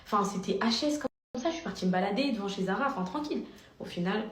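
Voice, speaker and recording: A woman's voice: medium pitch, reverberant, slight background noise. A young woman, a social media influencer, telling her followers a story in a casual, slangy way. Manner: rapid, animated, slangy.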